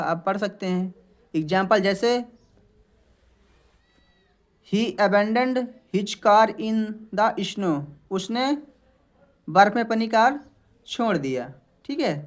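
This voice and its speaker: Patient teacher drilling word pronunciation. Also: male voice, high-pitched. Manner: asks questions and answers them himself, often adding a checking "okay"; repeats words slowly to model their pronunciation. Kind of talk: classroom-style lesson explaining English words in Hindi.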